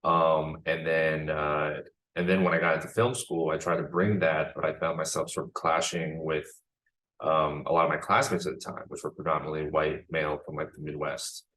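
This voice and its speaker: A man's voice: extremely low pitch, level tone, moderate pace, a bit bright, low-quality recording. A young man, a filmmaker, answering interview questions in a reflective, rambling way with many restarts. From born in China, raised in the United States. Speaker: guest filmmaker.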